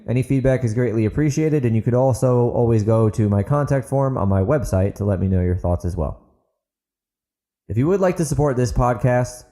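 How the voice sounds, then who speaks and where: A warm, mid-range male voice narrates fiction for his own podcast, speaking to listeners as a storyteller would. He's the author, host and narrator, moving between dramatic audiobook reading and the outro.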